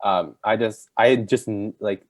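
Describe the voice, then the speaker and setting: A man's voice: fairly low pitch, fairly even intonation, unhurried. Laughing man hosting a podcast. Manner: laughs often, restarts sentences. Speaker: podcast host. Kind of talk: casual chat.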